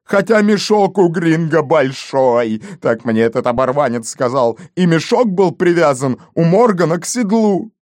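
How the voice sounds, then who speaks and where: A man voicing an excitable, wounded male gendarme who boasts and shouts in a storybook reading. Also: fairly high pitch, a little slow, hardly any pauses, dry recording, studio quality, pitched above the performer's own voice. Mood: excited.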